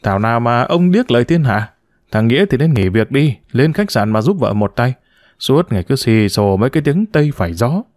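A man's voice: medium pitch, big pitch swings, brisk, a little mellow, no echo, studio quality, close to an everyday voice. A man reading a story, voicing a blunt, abusive older grandmother who scolds in a raised voice. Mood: scornful. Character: sharp-tongued older village grandmother, scolding.

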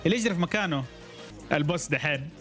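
A man's voice: on the high side, animated, rapid-fire, vocal fry, fairly bright tone, faint music behind. Chatty gaming streamer man. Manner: chatty, reacts aloud and talks to chat. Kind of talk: casual gameplay commentary.

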